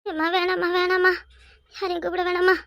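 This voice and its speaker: A woman plays a faint young village daughter in a cartoon, weak and pleading in a Kanyakumari Tamil accent, her voice very high with a gravelly edge. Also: completely flat delivery, brisk, a bit bright, no echo, clean studio sound, full character voice.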